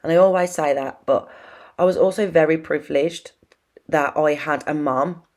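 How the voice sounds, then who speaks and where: A woman's voice: sits low, normal speed, darkish tone. A young British woman with a slightly wheezy voice, chatting casually and informally to viewers as the host of a self-help video. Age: young adult. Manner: informal, rambling and confiding.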